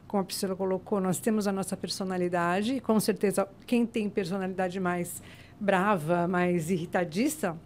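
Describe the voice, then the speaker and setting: A woman's voice: mid-range voice, slight background noise. A woman, a psychologist guest on a podcast, explaining her ideas with rhetorical questions. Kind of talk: conversational podcast interview.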